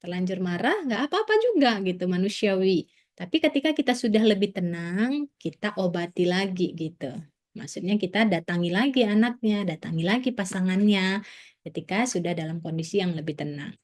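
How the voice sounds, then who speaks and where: A woman's voice: medium pitch, animated, a little fast. A woman psychologist giving a casual, reassuring seminar talk to parents, often dropping in little filler words as she explains. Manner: chatty, peppers speech with "nah" and "ya"; warm, reassuring teaching tone.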